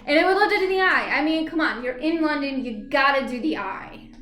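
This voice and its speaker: A woman's voice: high-pitched, expressive, a little fast, roomy sound, background noise. A woman vlogging in a casual, rambling way. She laughs easily and hums filler syllables while she gathers her thoughts. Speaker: vlogger reviewing a TV episode. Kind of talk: casual rambling chat to camera.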